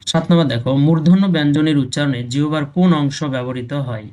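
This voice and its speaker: A man's voice: on the high side, a little fast, a little mellow. A man with a Bangladeshi Bengali accent teaching an exam-prep grammar lesson. He reads each question twice and then gives the answer.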